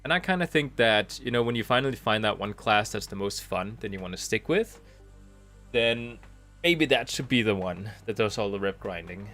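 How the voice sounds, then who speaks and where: Streaming a game from his home while rain falls outside, a man with a slight cold sounds nasal as he rambles casually, thinking aloud and restarting his sentences. His voice is on the low side, animated and a bit bright, at normal speed, with soft music in the background.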